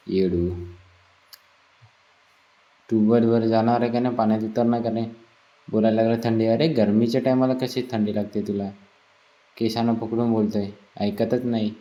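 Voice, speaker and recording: A man's voice: on the low side, flat delivery, moderate pace, pauses often, highs cut off. A man who works at a resort, giving casual, playful vlog commentary and teasing the people he films. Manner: chatty, teasing, playful narration. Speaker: vlogger working at a water park resort.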